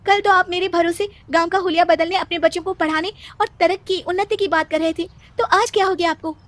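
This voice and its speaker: A woman's voice: extremely high pitch, fairly even intonation, fairly quick, voice pushed up. A woman voicing an eager, idealistic young village girl in a cartoon story, speaking earnestly. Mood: distressed, pleading. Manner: earnest, hopeful, pleading.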